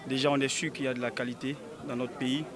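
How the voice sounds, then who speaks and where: Flat-voiced man amid a crowd. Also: mid-range voice, fast. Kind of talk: press interview.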